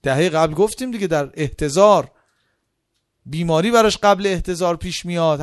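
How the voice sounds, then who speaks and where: High-voiced man preaching emphatically. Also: clear, resonant tone, no echo, studio quality. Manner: emphatic, with rhetorical questions. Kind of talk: sermon.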